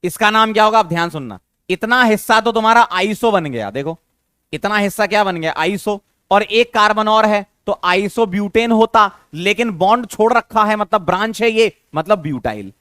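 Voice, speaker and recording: A man's voice: sits high, lively intonation, normal speed, sharp tone, clean tone, no room sound, studio quality. A man teaching a chemistry lesson, coaxing his students with questions and repeating the key terms. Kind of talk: classroom lecture.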